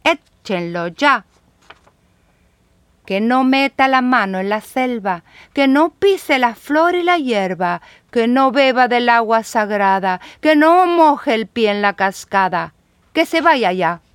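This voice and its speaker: A woman reading children's poems aloud in a measured, rhythmic recitation. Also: a little high, animated, clean tone, dry recording. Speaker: reader.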